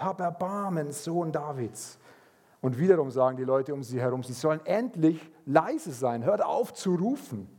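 A man preaching a sermon, telling stories in a lively way and acting out the voices of people in them. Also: medium pitch, slightly rough. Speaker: pastor.

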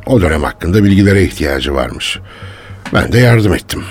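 An actor playing a defensive male archaeologist under police questioning, guarded and quick to take offence, in a radio drama. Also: low-pitched, expressive, soft background music. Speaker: suspect being questioned.

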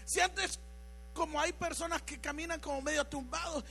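A woman preaching a fervent sermon, at times rising to a shout. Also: sits high, fairly even intonation, normal speed, creaky, slight background noise.

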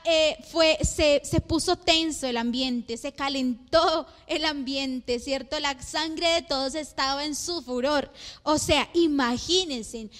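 A woman in her thirties preaching a sermon, full of rhetorical questions to the congregation. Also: sits high. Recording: long hall reverb.

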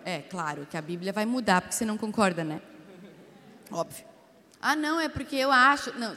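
Animated Brazilian woman preaching in a hall. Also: on the high side. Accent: Brazilian Portuguese. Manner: animated storytelling, quoting her husband, jokey asides to the audience. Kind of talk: sermon with personal testimony. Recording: long reverb of a hall.

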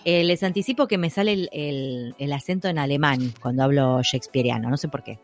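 A woman's voice: deep voice, fairly quick, soft background music. A woman with a Rioplatense Spanish accent, co-hosting a casual chat, playful and laughing often. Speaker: podcast co-host.

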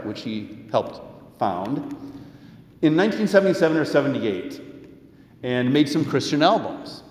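A middle-aged or older American man preaches a sermon as a pastor in a medium-pitched voice, measured and deliberate, using pauses and rhetorical questions. The church hall is echoey with long reverb.

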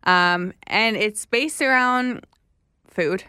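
A young woman co-hosting a casual chat with her husband, curious and quick to ask questions. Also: mid-range voice, pushed and bright, clean tone, no room sound, clean studio sound. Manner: curious, asks many questions, laughs easily. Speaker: podcast co-host.

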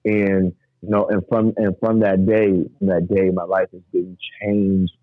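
A man's voice: sits low, unhurried, dry recording. A man, telling his story in casual talk, laughing often and acting out what others said. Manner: animated, laughs often, acts out quotes. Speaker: guest telling his testimony. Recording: dry tinny phone-like sound.

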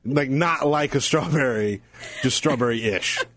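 A man's voice: medium pitch, unhurried, a bit bright, dry recording. A man co-hosting a food podcast, bantering in a playful, laid-back way. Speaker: podcast co-host. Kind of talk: casual food podcast chat.

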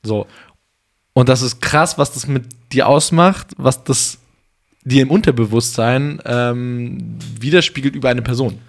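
A man's voice: mid-range voice, measured pace. A man co-hosting a podcast, talking loosely and thinking aloud, with fillers and English business buzzwords. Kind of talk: casual conversation.

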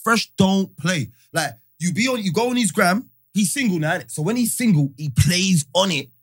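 A man's voice: high voice, husky. A man with a London roadman accent and slangy delivery, bantering casually as a podcast co-host and acting out quotes as he tells stories. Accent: London, urban street slang.

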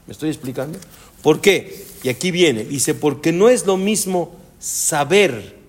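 Rabbi guy teaching a torah class, high voice, bounces all over, keeps asking the room questions. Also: measured pace. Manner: animated storyteller, addresses listeners with rhetorical questions.

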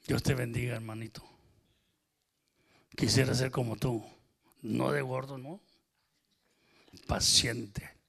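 A man's voice: medium pitch, fairly even intonation, slow, vocal fry, pauses often, fairly bright tone, slightly rough. A man preaching an informal, joking sermon in a small church, slipping English phrases into his talk. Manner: switches into English phrases, jokes with congregation. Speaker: pastor.

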